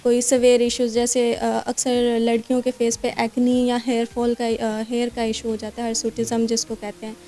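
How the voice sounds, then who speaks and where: A Pakistani-accented woman doctor talks through skin treatments in an interview, pausing on fillers and slipping in English medical words. Her voice sits a little high, mellow and warm in tone, held to a narrow, even melody. Faint music plays under her. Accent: Pakistani Urdu. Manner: explanatory, with many fillers and English terms. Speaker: clinic doctor. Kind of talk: interview answers. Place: skin clinic.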